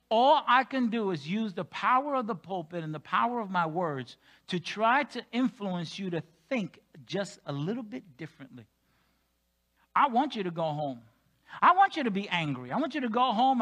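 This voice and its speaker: A male senior pastor preaching a sermon in a church, animated, moving between loud emphatic stretches and quiet joking asides. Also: sits high.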